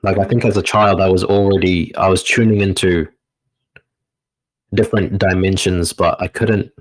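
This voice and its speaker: A man, a meditation teacher answering interview questions in a slow, reflective way with frequent pauses. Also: low-pitched, fairly even intonation, low-quality recording. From New Zealand. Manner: slow, reflective, pausing often with "uh".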